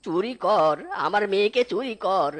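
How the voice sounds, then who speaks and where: A woman voicing a stern, scheming old male fox father in a cartoon, in a lowered bossy voice. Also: lively intonation, normal speed, natural voice. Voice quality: low put-on voice. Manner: bossy, threatening. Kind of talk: cartoon voice acting. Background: music.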